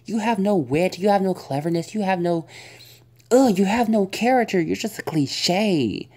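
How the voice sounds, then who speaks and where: A woman's voice: medium pitch, animated, normal speed, warm tone. A young woman vlogger giving a casual spoken movie review, rambling and exasperated, full of fillers and groans.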